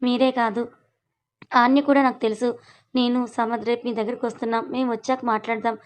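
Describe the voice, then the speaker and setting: A cold young woman in a storybook speaks curtly and dismissively, giving nothing away, as a woman narrator plays her. Her delivery is quick and level, with little rise and fall. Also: fairly high pitch, little pitch movement, lightly acted. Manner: curt, dismissive.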